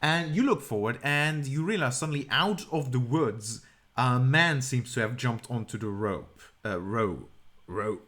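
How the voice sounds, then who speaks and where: A man's voice: medium pitch, lively intonation, moderate pace, a bit bright. A man narrating an improvised tabletop game as game master, hesitant and often correcting himself.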